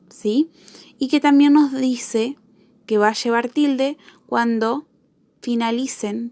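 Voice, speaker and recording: Slow, careful woman teacher. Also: on the high side, darkish tone, dry recording. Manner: slow, repeats each example word carefully. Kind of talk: spelling lesson for children.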